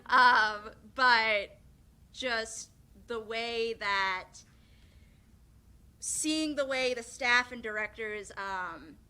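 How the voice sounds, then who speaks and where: A woman's voice: on the high side, drawn-out words, pushed and bright, clean tone. A young woman giving a nervous, giggly, rambling farewell speech as a graduating theatre student.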